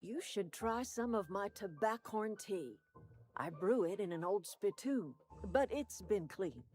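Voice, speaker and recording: An actress playing a proud, grandmotherly older herbalist who leads a settlement of outcasts in a video game, speaking in a measured, folksy, dignified way. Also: medium pitch, expressive, darkish tone, faint music behind, natural voice. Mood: hospitable.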